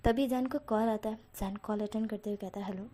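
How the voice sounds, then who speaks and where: A woman's voice: medium pitch, fairly even intonation, a little fast, mellow. A woman host casually retelling a fanfiction story to her viewers in a chatty way, full of fillers and direct asides. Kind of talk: casual spoken story narration.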